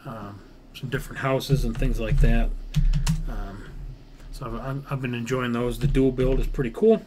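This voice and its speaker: Indoors at his computer, a man offers casual let's-build gaming commentary for his own build series, thinking aloud and rambling, half-muttering counts and swearing mildly. His mid-range voice keeps fairly even intonation at normal speed, over some background noise.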